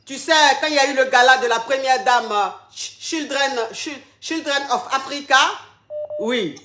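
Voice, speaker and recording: A high, bright-voiced woman holds court as a comic advice coach, flamboyant and teasing. The room around her rings with echo. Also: normal speed. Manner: flamboyant, teasing, calls everyone darling. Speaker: comic agony-aunt coach. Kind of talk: comic phone-in advice sketch.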